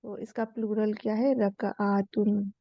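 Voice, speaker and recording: A woman's voice: medium pitch, level tone, takes it slowly, no room sound. A woman teaches Arabic grammar, explaining patiently and asking herself questions before answering them. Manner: patient, asks and answers her own questions, many fillers. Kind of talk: explaining a lesson, reading English lines slowly. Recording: dull, lo-fi voice recording.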